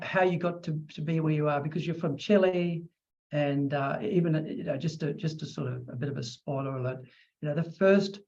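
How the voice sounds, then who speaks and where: A middle-aged man hosting an interview, talking in a chatty, animated way and acting out quotes. His voice sits a bit high, and the recording sounds dull and lo-fi. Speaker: podcast host. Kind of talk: casual interview chat.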